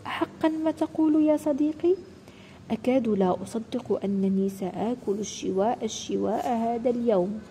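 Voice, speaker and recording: A woman voicing a hungry, greedy male wolf in a children's storybook, excited and boastful. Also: mid-range voice, normal speed, big-room sound, a little hiss or hum, natural voice. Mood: gleeful.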